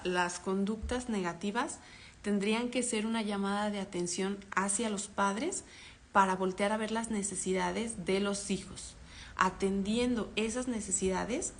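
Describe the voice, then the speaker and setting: A woman psychologist with a Mexican accent, giving an online parenting workshop, explaining calmly and acting out example dialogues. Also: mid-range voice, a little hiss or hum.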